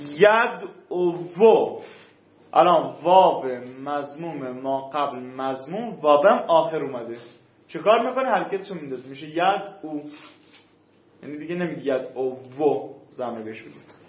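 A man's voice: fairly high pitch, lively intonation. A man teaching a class, stretching out key terms and checking that his students follow. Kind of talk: classroom lesson on Arabic grammar rules. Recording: echoey, slightly dull room recording.

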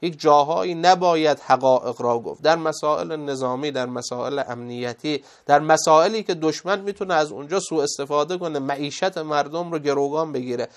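A man's voice: a little high, hardly any pauses. A man giving a moral lecture as a religious speaker, emphatic and full of rhetorical questions.

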